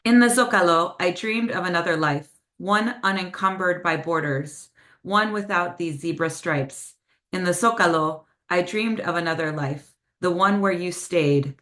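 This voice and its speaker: A woman whose first language is Spanish reads her own poems over a video call, her voice on the low side and a bit bright. Between poems she chats casually with lots of "um" and "like," but when reading she becomes slower and more measured, weaving in Spanish phrases.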